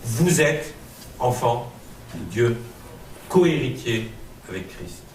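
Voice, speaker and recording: A man's voice: mid-range voice, expressive, slow, a little mellow, echoey room, recorded from a distance, a little hiss or hum, rough recording. A man preaching a sermon with a Marseille accent, emphatic and rhetorical, repeating phrases and building to fervent peaks. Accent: Marseille French.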